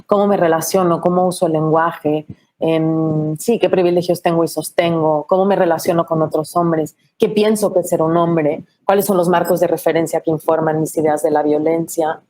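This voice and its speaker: Woman on a webinar panel, lowish voice, thoughtful, keeps tagging "no?" on the end. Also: steady tone, moderate pace, mellow.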